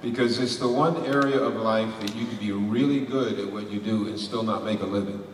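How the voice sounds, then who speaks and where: A man's voice: on the low side, steady tone, fairly quick, recorded from a distance, a little hiss or hum. A man speaking as a voice actor on a convention panel, rambling with lots of restarts and laughs. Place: large convention hall. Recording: echoey hall recorded from afar.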